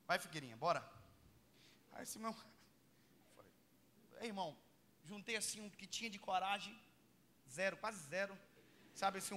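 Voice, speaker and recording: A man preaching a sermon, telling a personal story with animated energy and rising to shouted peaks. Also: high voice, a little hiss or hum. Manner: animated, builds to shouting peaks, laughs at his own stories. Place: church hall. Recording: long church hall reverb.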